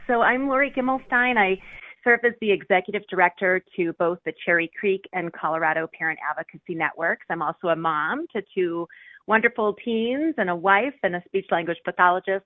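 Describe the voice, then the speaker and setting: A woman's voice: medium pitch, dry recording. A woman guest on a radio interview, speaking earnestly and steadily with frequent fillers, heard over a tinny phone line.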